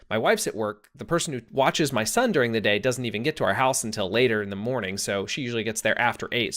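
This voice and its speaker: A man's voice: medium pitch, fairly bright tone. A man in his thirties hosting a podcast, telling a story in a casual, rambling way with frequent self-corrections and a wry tone. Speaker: podcast host.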